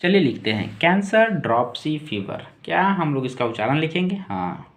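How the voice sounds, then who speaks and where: A man teaching English words in a slow lesson, spelling each word out letter by letter and repeating it. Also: a little high, very animated.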